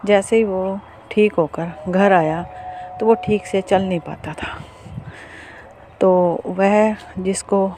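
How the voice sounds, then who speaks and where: A storyteller spinning a spooky tale in a loose, conversational way. The voice sits at a middling pitch and stumbles forward, circling back and repeating itself as the story builds. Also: warm tone. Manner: halting and repetitive, restarts often. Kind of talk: casual spoken ghost story narration.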